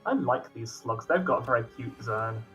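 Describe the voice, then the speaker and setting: A man chatting casually as a co-op partner in a gameplay stream, relaxed and quick to laugh. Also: mid-range voice, muffled recording, faint music behind. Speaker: co-op game partner.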